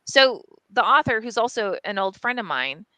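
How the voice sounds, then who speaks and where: A woman editor tells a story in casual podcast chat, frank, lively and quick to swear. Her voice is bright and crisp, and the sound is dry and close with no room echo. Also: fairly high pitch. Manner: animated storytelling, frank and profane, many fillers. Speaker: press editor.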